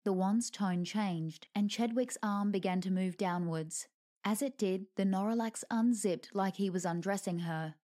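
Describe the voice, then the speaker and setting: A woman narrating a lighthearted fantasy storybook. Her delivery is dry and wry, and her voice sits in a middle pitch. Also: measured pace, mellow.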